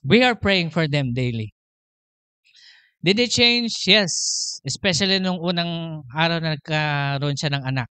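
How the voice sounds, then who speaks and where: A man's voice: a little high, expressive, measured pace, long pauses, pushed and bright, clear, resonant tone, no room sound. A man preaching a sermon as pastor, telling a personal story, moving between Tagalog and English and laughing often. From Philippines.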